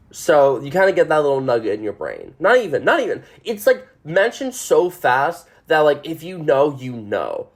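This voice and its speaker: A man in the middle of a podcast, talking casually and at length. His pitch sits in an ordinary middle range as he rambles excitedly, circles back and drops the odd swear. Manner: many fillers and restarts. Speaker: podcast host. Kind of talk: casual chat.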